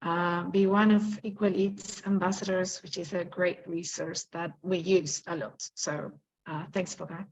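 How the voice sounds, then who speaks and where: A woman's voice: on the low side, little pitch movement, a little slow, a little mellow, a little hiss or hum. A woman from Argentina introducing herself as a panelist over a video call, hesitant with many fillers. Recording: lo-fi shaky video call audio.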